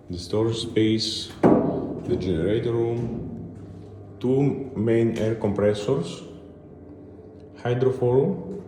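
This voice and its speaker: A man narrating an unscripted video tour as a guide, halting and pausing between short phrases. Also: lowish voice, warm tone, roomy sound.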